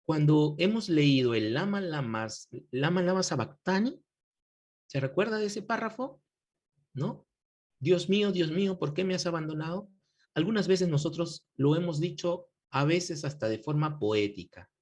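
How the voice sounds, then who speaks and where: A man teaches a church counseling class with a husky, slightly rough voice. He talks in a preacherly way, asking his students questions and calling them brothers. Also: fairly high pitch, expressive, moderate pace, darkish tone. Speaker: Bible course teacher. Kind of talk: pastoral lecture to a class.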